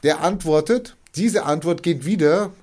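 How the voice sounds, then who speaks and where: A man who helps refugees explains things in a casual conversation, his voice a bit high, a bit slow, and slightly mellow. He acts out quoted dialogue and frequently restarts his sentences.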